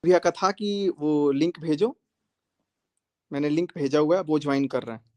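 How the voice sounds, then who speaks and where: A man's voice: on the high side, normal speed, a little mellow. A man on a live stream, speaking confrontationally and repeating himself as he calls a rival to join him. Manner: confrontational, repetitive, addressing viewers directly. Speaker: livestreamer.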